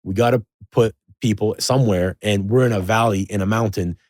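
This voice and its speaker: In a clean, echo-free studio recording, a man with a lowish voice chats on a casual podcast. He talks fairly quickly, rambling loosely with lots of fillers as he tells animated stories.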